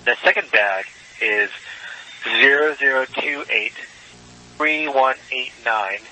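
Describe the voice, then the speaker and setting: A man's voice: medium pitch, slow, bright, forceful tone. A man speaking as an astronaut, making procedural reports over a hissy space-to-ground radio link. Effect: crackly space radio link.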